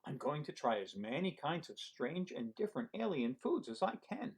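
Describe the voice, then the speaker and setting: A man's voice: on the high side, moderate pace, vocal fry, a little hiss or hum, voice pushed up. A man reading as an eager space-dreaming boy. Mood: excited. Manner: wide-eyed, excited storybook reading.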